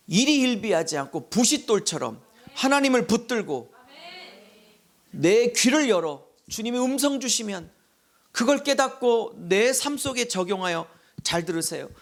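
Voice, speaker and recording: A middle-aged man preaching a sermon with a gravelly, fairly high voice. His pitch swings widely. He rises to loud calls and drops to hushed asides. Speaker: pastor. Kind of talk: expository sermon.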